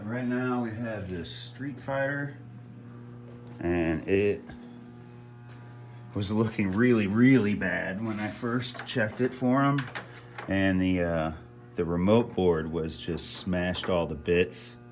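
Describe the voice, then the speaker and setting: Male repair host, low register, casual and halting, thinks aloud, faint fan noise on the recording. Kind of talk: casual hands-on repair walkthrough. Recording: noisy fan hum over the voice. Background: whirring fan noise.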